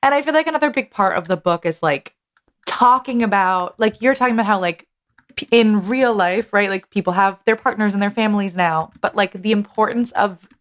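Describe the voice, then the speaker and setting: A woman's voice: mid-range voice, fairly quick. A woman co-hosting a podcast, talking enthusiastically and rambling a little, with many fillers. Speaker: podcast co-host. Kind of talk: casual podcast chat.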